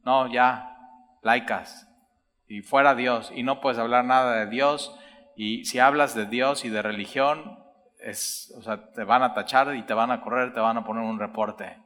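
A man preaches a sermon, reading Bible verses aloud and then explaining them while addressing the listener directly. His medium-pitched voice is steady, a bit bright and measured in pace. A long hall reverb colors the recording.

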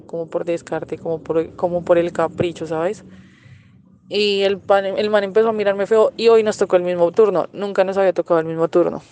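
A woman's voice: on the low side, dark tone, slight background noise. A young Colombian woman telling a story casually, swearing freely and acting out the lines she quotes. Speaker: interviewee.

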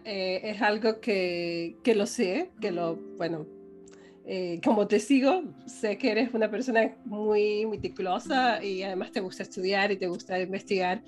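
A woman hosting an interview, encouraging her guest and talking to her viewers. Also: mid-range voice. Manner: warm, encouraging, addresses her audience. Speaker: interview host. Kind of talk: casual interview chat.

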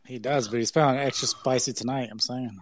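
A man's voice: mid-range voice, steady tone, a little fast. A man chiming in casually as a podcast co-host. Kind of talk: casual chat. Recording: clearly noisy voice chat.

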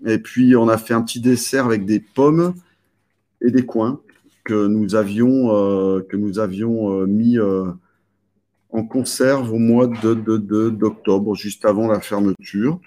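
A man's voice: on the low side, fairly even intonation, a little slow, warm tone. A man hosting a casual live stream, rambling with many fillers and restarts.

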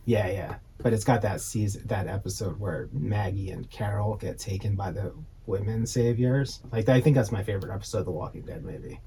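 A man's voice: lowish voice, brisk, dark tone, a little hiss or hum. A man co-hosting a podcast, chatting casually and rambling with lots of fillers and swearing. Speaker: podcast co-host; designer. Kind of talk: casual chat.

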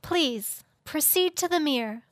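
A man's voice: extremely high pitch, expressive, fairly bright tone, no room sound, studio quality, pitched above the performer's own voice, full character voice. A man voicing a frail, dying fay queen, in a weak, solemn and formal voice. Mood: grave. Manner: solemn, slow, formal speech. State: weak and faint. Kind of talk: audiobook character voice.

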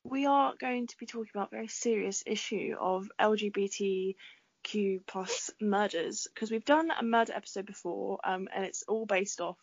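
A woman's voice: medium pitch, moderate pace, no echo, lo-fi sound. A young woman co-hosting a casual podcast, chatty and earnest, with a groggy morning voice. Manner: chatty, filler-heavy, earnest. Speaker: podcast co-host.

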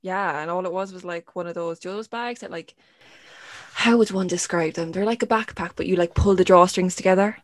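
Young Cork woman, lower pitch, dry close sound, lively storytelling co-host. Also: brisk, no echo. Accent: Irish, Cork. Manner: lively storyteller, many "like" fillers. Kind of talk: casual chat.

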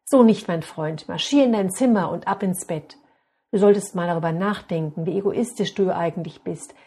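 A woman reading out a hardworking father who scolds his son loudly. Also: fairly low pitch, normal speed, breathy edge. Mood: angry scolding. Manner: loud, scolding outbursts. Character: angry hardworking father, later remorseful.

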